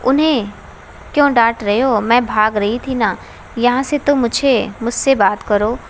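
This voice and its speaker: Woman narrator as an anxious, caring young heroine, earnest, slightly high. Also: measured pace, a little hiss or hum. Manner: stammering, earnest.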